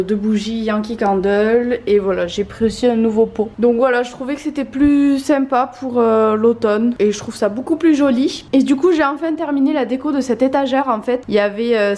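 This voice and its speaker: A woman's voice: a little high, darkish tone. A young woman chatting casually in a vlog from her desk at home, enthusiastic and full of filler sounds. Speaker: vlogger.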